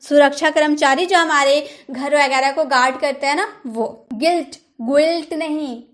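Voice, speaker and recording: A woman's voice: high voice, steady tone, moderate pace, fairly bright tone. A woman teaching English pronunciation, repeating words and asking the viewer rhetorical questions. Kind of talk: pronunciation lesson.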